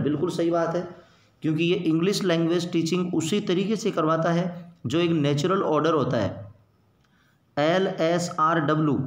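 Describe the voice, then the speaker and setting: A man giving an exam-prep lecture as an English teacher, explaining in Hindi mixed with English terms and repeating points for emphasis. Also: fairly high pitch. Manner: reads English quotations slowly, then glosses them. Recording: echoey room.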